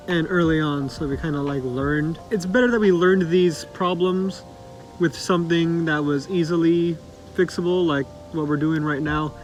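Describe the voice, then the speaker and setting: Higher-voiced man chatting casually on a vlog. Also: poor audio. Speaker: vlog co-host. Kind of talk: casual couple vlog chat. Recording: music behind speech.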